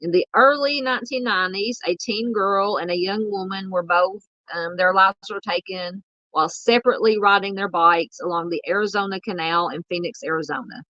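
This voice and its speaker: A woman from the American South hosting a true crime livestream, talking casually and haltingly with lots of ums and uhs while she reads chat. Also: medium pitch, bright, forceful tone, no echo, lo-fi sound.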